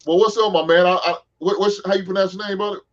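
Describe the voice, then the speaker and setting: A man's voice: high-pitched, fairly even intonation, quick pace, dull audio, over a noisy crowd. A man in his forties from the Bay Area, hosting a casual sports chat, joking and swearing freely. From San Francisco Bay Area. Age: 40s. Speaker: podcast host.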